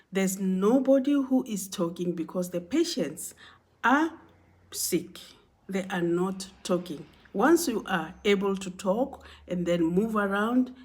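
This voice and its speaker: Woman chatting a story to camera, slow and unhurried, lots of "and then" and "you know". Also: medium pitch, a little mellow. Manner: conversational, repeats phrases, many "you know" and "and then". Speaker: vlogger telling a workplace story. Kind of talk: casual storytelling.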